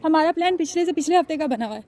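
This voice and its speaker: A woman's voice: high-pitched, expressive, racing, dark tone. A young woman, chatting casually to her viewers in a family vlog. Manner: chatty, addresses viewers directly. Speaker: family vlogger.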